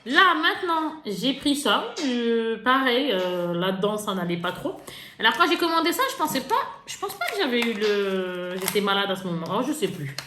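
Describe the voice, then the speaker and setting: This beauty vlogger has a fairly high pitch and talks at a moderate pace while presenting her makeup haul. She's lively and casual, laughs a lot and pokes fun at herself, recorded in an echoey room with slight noise.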